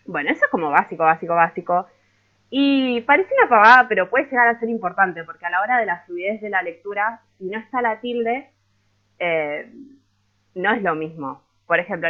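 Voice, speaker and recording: A man teaching an online grammar workshop, explaining step by step with frequent hesitant filler sounds. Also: high voice. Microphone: video call. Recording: tinny phone-like video call audio.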